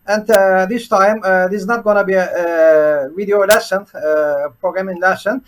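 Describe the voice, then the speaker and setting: He hosts a programming channel and teaches unscripted over a screen share, his high-pitched voice halting on "uh" nearly every few words. He comes from Turkey and speaks with the accent of a native Turkish speaker.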